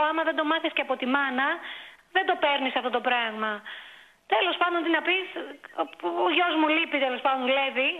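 A woman in her forties calling in to a talk show, telling a long complaint in an exasperated way, full of fillers. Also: high-pitched. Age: 40s. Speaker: caller. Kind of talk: phone-in confession on a talk show. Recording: tinny phone line.

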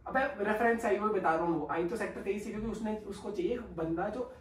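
A young man in a casual prank vlog, teasing his wife and bragging with excited banter. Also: sits high, fast. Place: living room with sofa, indoors. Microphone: far camera on a tripod. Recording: echoey room from a distance.

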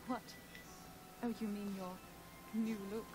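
A woman voicing a mysterious, coaxing wisp spirit with an airy, unearthly voice and slow, formal phrasing in a video game. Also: mid-range voice, fairly even intonation, music in the background, lightly acted. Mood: teasing, guiding.

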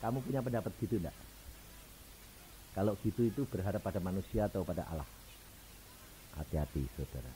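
A middle-aged man preaching a storytelling sermon, animated, swinging between loud and soft. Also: sits low, fast, pauses often, slight background noise, rough recording.

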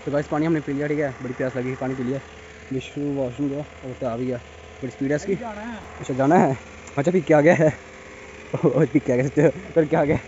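A young man vlogging casually outdoors in a sanctuary, chatty and teasing, speaking softly because his throat is sore. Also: mid-range voice, a little fast, highs cut off, a little hiss or hum. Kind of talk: casual vlog narration.

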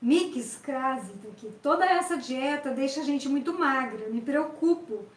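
A woman with a high voice reads out questions sent in by an audience. She is recorded indoors with clear room echo. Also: expressive, unhurried. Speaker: co-host reading out audience questions. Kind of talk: reading out questions. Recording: echoey room.

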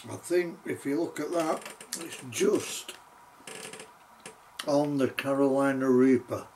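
A man in his sixties giving casual, halting commentary as he eats very hot jelly beans and reacts to the heat, recorded on a distant camera mic in a small room. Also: medium pitch, warm tone, slight background noise. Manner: halting, reacting to chilli heat between mouthfuls. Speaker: vlogger doing a tasting challenge. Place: small cluttered home office, indoors. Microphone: camera a few metres away.

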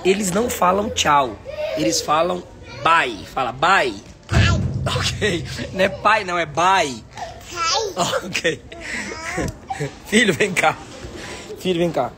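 A Brazilian pastor vlogging a trip in a busy airport, chatty and exasperated, often laughing. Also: male voice, high-pitched, lively intonation, slow, long pauses, noisy background. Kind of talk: casual travel vlog to camera.

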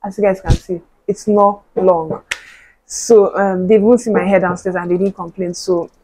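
A woman's voice: medium pitch, fairly even intonation, moderate pace, warm tone, a little hiss or hum, rough recording. A young woman, a university student chatting casually to camera, full of "like" and "you know". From Nigeria. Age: young adult. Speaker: vlogger.

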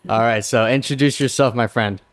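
An upbeat young podcast host welcomes his guest in a casual interview recorded in a small studio with a headset and studio mic. His medium-pitched voice is steady and a little fast, and the recording sounds dry.

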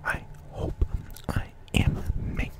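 A young man doing fast, aggressive ASMR, whispering breathily right up at the microphone and rapidly repeating words and short phrases. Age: young adult. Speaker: ASMR video creator. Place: small indoor room. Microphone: close-up condenser microphone.

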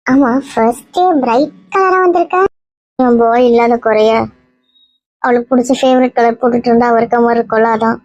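A woman's voice: a little high, fairly quick, darkish tone, no room sound, highs cut off, lightly acted. A woman playing a teasing young college friend who scolds the others, in a homemade skit.

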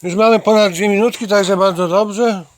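This amateur channel host has a high voice with fairly even intonation and a moderate pace. Interviewing a companion in a small home computer room, he keeps a playful, mock-formal tone and repeatedly plugs his channel in slang.

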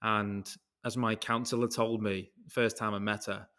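A man's voice: on the low side, level tone, unhurried, fairly bright tone. A British man chatting casually on a podcast, telling stories in a rambling way that jumps between tangents and drops the odd swear word. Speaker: podcast guest, concrete craftsman. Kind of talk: casual chat.

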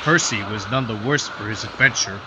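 A man reading a children's story aloud in a slow, expressive manner. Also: fairly low pitch, very noisy.

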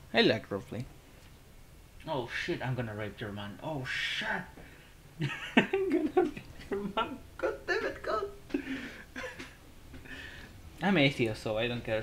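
Gravelly slow-talking man playing a game. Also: medium pitch, a little hiss or hum. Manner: rambling, muttering, frequent restarts, bursts of laughter. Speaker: gaming YouTuber. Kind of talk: casual gameplay commentary.

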